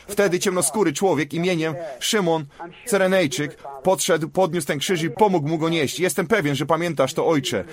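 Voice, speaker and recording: A man reading a translated sermon aloud in a measured, solemn way, with prayers for healing. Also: on the high side.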